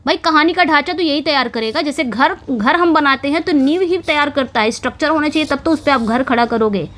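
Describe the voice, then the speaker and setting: Teaching English exam preparation, this woman speaks a little fast in a high-pitched, fairly bright voice. She walks through each step and regularly asks "ठीक है" and "समझ में आ गया" to make sure her students follow.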